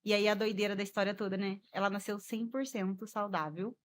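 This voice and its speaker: A woman's voice: mid-range voice, fairly even intonation, fairly quick. A woman, a guest mother telling her personal story expressively, acting out the dialogue and laughing along the way.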